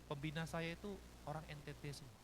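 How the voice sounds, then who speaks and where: A man's voice: a little high, flat delivery, quick pace, noisy background. A male pastor from Jakarta with a Betawi Jakarta accent, preaching a sermon and telling stories in which he acts out other people's voices. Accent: Betawi Jakarta Indonesian.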